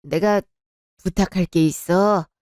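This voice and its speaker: A woman voicing a resigned middle-aged father who speaks low and heavy in old-fashioned phrasing. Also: takes it slowly, darkish tone, no echo, clean studio sound. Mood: somber.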